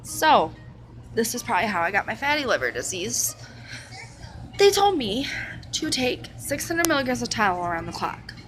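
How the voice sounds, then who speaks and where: A woman's voice: on the high side, very animated, normal speed, a bit bright, a little hiss or hum, low-quality recording. A young woman in her twenties talking candidly and casually about her life, rambling with fillers and restarts. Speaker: vlogger sharing her illness. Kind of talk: casual personal talk to camera.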